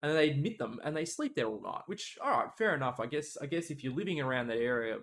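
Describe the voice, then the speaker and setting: A man's voice: medium pitch, expressive, fast, a bit bright, a little hiss or hum. A young man streaming live, telling a long personal story in a rambling, casual way, swearing and restarting his sentences.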